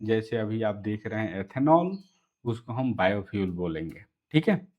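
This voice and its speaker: A man's voice: lowish voice, sing-song, moderate pace, darkish tone, lo-fi sound. A man teaching an English class online, explaining step by step, repeating key words and checking in often with listeners.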